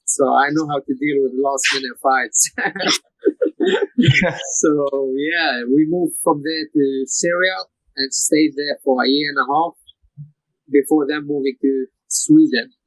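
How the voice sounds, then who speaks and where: A young man from Iraq, an MMA fighter, answering interview questions over a call in a relaxed, plain way with frequent "you know". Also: medium pitch, a little slow, no echo, poor audio.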